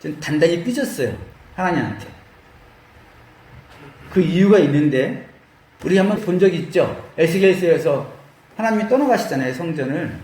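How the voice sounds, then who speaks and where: A man preaching a lively Bible-study sermon, acting out quoted voices and laughing as he goes. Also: a little high, moderate pace, pauses often, echoey room. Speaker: pastor.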